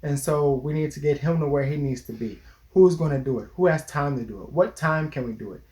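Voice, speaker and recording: A man's voice: a little high, a little fast, a little mellow. Earnest man giving relationship advice. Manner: earnest, lecturing, restarts mid-sentence. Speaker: therapist co-host. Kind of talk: casual advice chat.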